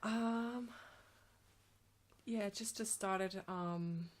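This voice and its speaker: A woman in her forties from Slovenia, with a Slovenian accent, answering interview questions about her design work with many pauses and ums. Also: medium pitch. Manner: hesitant, many ums and restarts. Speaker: graphic designer, guest.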